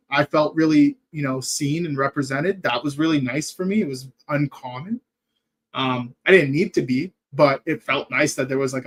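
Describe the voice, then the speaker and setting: A man's voice: fairly high pitch, a bit bright. Rambling young male game streamer. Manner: rambling, thinks aloud while playing. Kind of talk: casual gaming stream chat.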